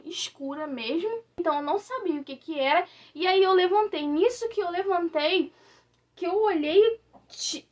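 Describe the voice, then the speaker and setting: A young Brazilian woman telling a personal story to camera from her bedroom, confiding and often checking in with her listeners. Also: sits high. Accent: Brazilian Portuguese. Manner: confiding, tag questions like "sabe?" and "tá?". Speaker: vlogger.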